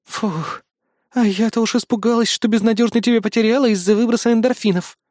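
A man's voice: high-pitched, fairly even intonation, brisk, darkish tone, no echo, studio quality, pitched above the performer's own voice, natural voice. A man voicing an eager young female electronic assistant in an audiobook, coaxing and exasperated. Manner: pleading, exasperated.

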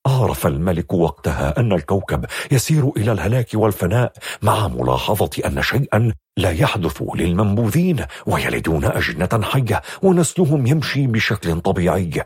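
A man voicing a calm, protective man from another planet who speaks in a grave, steady way. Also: deep voice, a little fast, breathy edge, no echo, clean studio sound, full character voice.

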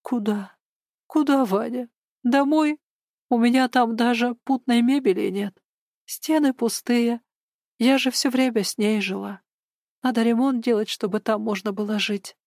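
A woman's voice: fairly high pitch, unhurried, a little mellow, dry recording, studio quality, voice pushed up. A woman reading a tearful, timid woman. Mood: despairing. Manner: mumbling, hesitant.

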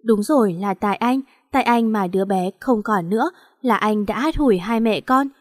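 A woman's voice: medium pitch, normal speed, a little mellow. A woman narrating a sad melodrama in an emotional, sorrowful way. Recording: long hall reverb.

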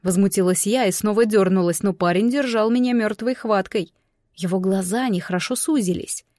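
A woman narrating a fantasy novel in the first person, with expressive storytelling. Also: mid-range voice, normal speed, no echo. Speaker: audiobook narrator.

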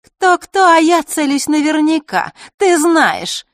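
A sweetly scheming teenage girl, played by a woman narrator taunts in a high, sing-song voice that swoops all over. The audiobook recording is dry and close. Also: big pitch swings, takes it slowly, no room sound, heavily acted. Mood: taunting. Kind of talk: audiobook character reading.

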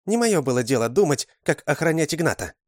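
A man's voice: a little high, very animated, brisk, no echo, clean studio sound, pitched above the performer's own voice. A man voicing a weary, resigned male fighter. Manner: mild resigned.

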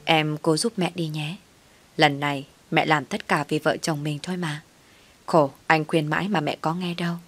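A woman's voice: sits low, steady tone, moderate pace. Woman voicing a curt, self-serving young husband. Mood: flattering. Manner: curt and dismissive.

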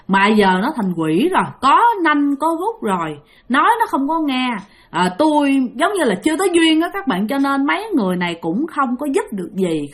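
A woman with a Southern Vietnamese accent narrates ghost stories in a chatty, talk-to-the-listener way. Her voice sits a little high and swings widely up and down. She often circles back and repeats a phrase as she goes. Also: fairly bright tone. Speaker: ghost story host. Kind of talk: chatty storytelling.

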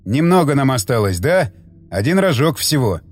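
A man voicing a blunt male soldier who talks crudely and shouts orders. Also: medium pitch, very animated, moderate pace, faint music behind, lightly acted. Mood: joking.

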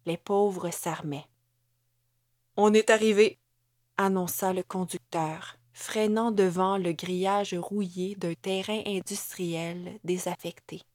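Woman, audiobook narration, slow measured delivery, dry studio sound. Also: fairly low pitch, steady tone, darkish tone, dry recording. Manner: measured, deliberate reading. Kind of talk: scripted narration.

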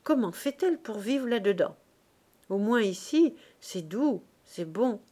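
A woman's voice: medium pitch, expressive, a little slow, dark tone. A woman reading an audiobook, voicing a wheedling, gossiping old spinster.

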